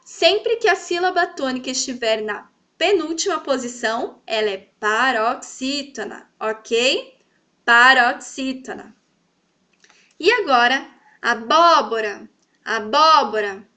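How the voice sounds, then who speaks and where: A woman teacher with a high, bright voice, explaining to young pupils. She draws example words out slowly and keeps checking that the class follows. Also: animated. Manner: sweet, coaxing, checks in often. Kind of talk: children's grammar lesson.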